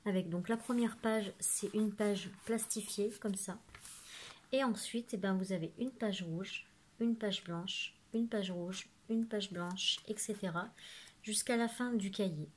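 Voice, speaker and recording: A woman's voice: medium pitch, unhurried. Chatty woman, rambling haul. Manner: chatty, rambling with frequent fillers and "voilà". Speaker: craft vlogger. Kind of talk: casual haul video. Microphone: phone camera.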